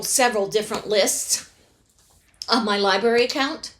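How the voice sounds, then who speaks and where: A woman's voice: a little high, fairly bright tone. Chatty self-correcting woman book vlogger. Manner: chatty, rambling, corrects herself often. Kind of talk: casual chat to camera. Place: home reading room, indoors.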